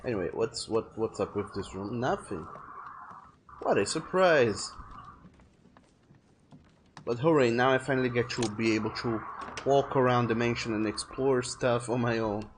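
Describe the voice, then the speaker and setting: A French man streams a video game and chats casually as he plays, thinking out loud in a rambling way and often restarting his sentences. His medium-pitched voice is unhurried and full of pauses, with background noise behind it.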